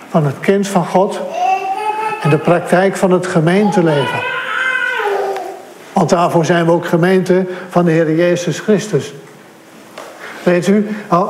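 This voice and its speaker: A male preacher, his voice pitched high for a man. He speaks earnestly and turns to his listeners directly, stressing points by repeating them. The sound rings with the long reverb of a church hall. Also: a little mellow, slight background noise. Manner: earnest, repetitive emphasis, addresses listeners directly. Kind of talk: sermon. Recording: echoey hall.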